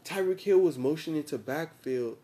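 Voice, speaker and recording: Slangy young American frat-bro man, mellow voice. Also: on the high side, normal speed. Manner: slangy, profane frat-bro talk, emphatic and repetitive. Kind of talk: casual chat about football tactics.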